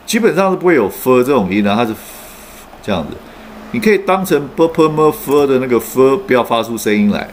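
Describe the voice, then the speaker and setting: Man, pronunciation teacher; lively pitch, patient "oh"-filled explanations, slow modelled words. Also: slight background noise. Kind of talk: online pronunciation lesson.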